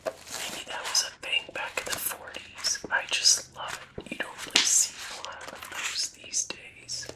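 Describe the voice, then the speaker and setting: A woman doing an ASMR whispered role-play as a librarian, in a breathy, unvoiced library whisper, pausing between short phrases. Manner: slow, unhurried, with gaps between short phrases. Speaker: ASMR host playing a librarian at a book fair.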